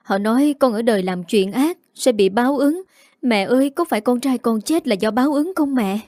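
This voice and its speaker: A woman's voice: fairly high pitch, lively intonation, normal speed, darkish tone, no echo, studio quality, natural voice. A woman reading the lines of a guilt-ridden young woman in a drama recap, pleading and frightened.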